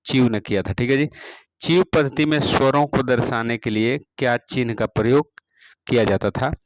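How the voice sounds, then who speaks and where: Man calmly walking through exam answers. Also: medium pitch, background noise. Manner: repeats each question, fills with "theek hai ji". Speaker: music teacher. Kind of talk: exam practice lesson.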